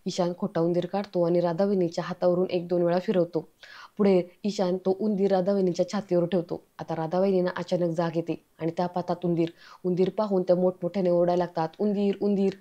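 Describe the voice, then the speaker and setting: A woman's voice: on the low side, level tone, fast talker, mellow. A woman casually retelling a serial episode, chatting to her viewers like friends. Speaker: serial recap narrator. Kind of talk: casual storytelling recap. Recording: slightly dull lo-fi audio.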